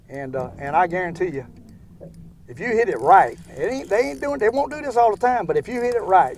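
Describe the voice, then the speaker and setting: A man's voice: high voice, a little mellow. An older man with a Southern US accent chatting casually and ramblingly as he hosts an outdoor fishing vlog. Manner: folksy, rambling. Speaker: fishing show host. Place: outdoors in a boat on a lake. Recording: outdoor boat ambience, faint noise.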